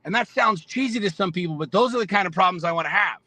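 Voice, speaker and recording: A man's voice: high-pitched, fast, sharp tone, no room sound, rough recording. Blunt, fired-up man in his forties. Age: 40s. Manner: blunt, profane, fired-up motivational talk. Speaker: podcast guest. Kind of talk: casual podcast conversation.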